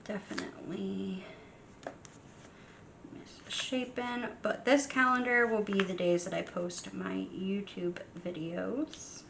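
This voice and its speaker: A young adult woman chatting casually while setting up her journal, soft and unhurried, with frequent ums. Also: mid-range voice, fairly even intonation, gravelly, background noise. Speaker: journaling vlogger. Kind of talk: casual chat while crafting.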